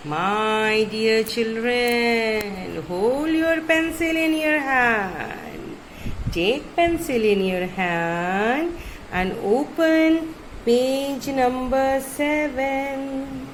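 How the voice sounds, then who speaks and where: Primary teacher, female, Indian accent: high voice, very slow delivery, chanting like a children's party magician, noisy recording. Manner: animated, repetitive, sing-song like a kids' party magician. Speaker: primary school maths teacher. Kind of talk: children's lesson with playful chanting.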